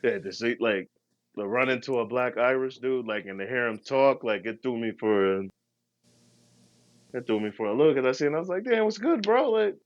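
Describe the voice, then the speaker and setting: A man's voice: medium pitch, expressive, moderate pace, no room sound, muffled recording. A man co-hosting a podcast, telling travel stories in a slangy, laid-back, rambling way. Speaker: podcast co-host. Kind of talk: casual travel storytelling.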